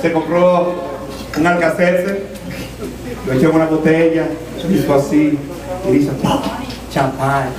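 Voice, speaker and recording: High-voiced comedian in an echoing hall. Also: male voice, little pitch movement, unhurried, long pauses. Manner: playful, drops into gruff voices for punchlines. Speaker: stand-up comedian. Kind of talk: live stand-up joke telling. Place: stage before a live audience. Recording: echoey hall from far off with loud crowd.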